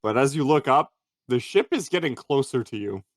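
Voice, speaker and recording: A man's voice: mid-range voice, animated, moderate pace, no echo, clean studio sound. A man narrating a tabletop game as game master, laughing often while describing scenes.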